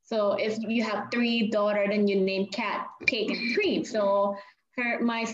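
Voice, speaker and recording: A young woman from Thailand, speaking English with a Thai accent as an interview guest. She talks casually and haltingly, restarting sentences and leaning on "like." The recording is echoey and a little muffled. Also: medium pitch, fairly even intonation. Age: 20s. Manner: halting, many "like" fillers and restarts. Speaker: guest, architecture graduate student.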